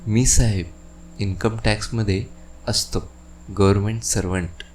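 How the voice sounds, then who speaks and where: A man's voice: fairly low pitch, steady tone, normal speed, a little mellow, a little hiss or hum, natural voice. A man reading as a meek, humble neighbour. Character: meek neighbour, heavy snorer, humble before authority.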